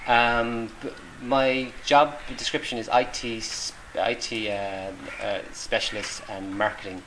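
A middle-aged volunteer from Ireland gives hesitant answers in a casual interview, with many ums and false starts. His voice is mid-range, level, and fairly bright, and he takes his time. Noisy room sound runs throughout.

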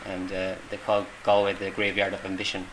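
Man, irish accent, middle-aged, hesitant, monotone, background noise. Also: deep voice, a little fast. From Ireland. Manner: hesitant, many ums and restarts. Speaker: interviewee, volunteer. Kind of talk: casual interview. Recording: noisy room ambience.

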